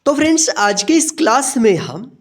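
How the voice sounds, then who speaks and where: Lively-voiced woman teaching the alphabet slowly. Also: high voice. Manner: patient, repetitive, draws out letter sounds and checks in often. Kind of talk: beginner Hindi alphabet lesson.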